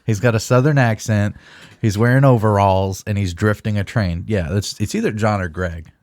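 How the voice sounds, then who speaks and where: Deep-voiced joking man, dry sound. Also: moderate pace, dry recording. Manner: swears freely, jokey, excitable. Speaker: podcast co-host. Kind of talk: casual comedy chat.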